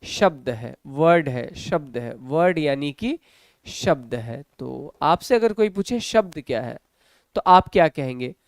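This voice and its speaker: An Indian man with a Hindi-speaking North Indian accent, teaching an English class online, asking questions and answering them himself, and sounding words out slowly. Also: a little high, lively intonation, no room sound, clean studio sound.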